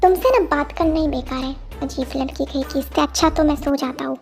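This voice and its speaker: A woman's voice: sits high, fairly even intonation, a little fast, a little mellow, voice pushed down. A woman voicing a bossy, short-tempered male vampire office boss who scolds and gives orders, with faint music behind. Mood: stern. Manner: commanding, scolding.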